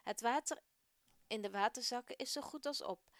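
Female storyteller, gentle expressive read-aloud, slightly high, dry close sound. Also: normal speed, no echo. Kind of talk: storybook narration.

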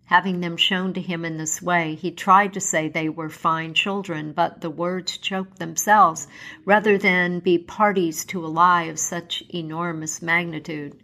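Slow-reading woman storyteller. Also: fairly low pitch, fairly even intonation, pushed and bright.

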